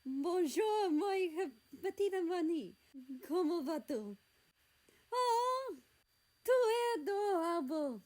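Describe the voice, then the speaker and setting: A woman voicing an excitable French mother in a read-aloud fan story, raising her voice high and gushing in mock French. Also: measured pace, heavily acted.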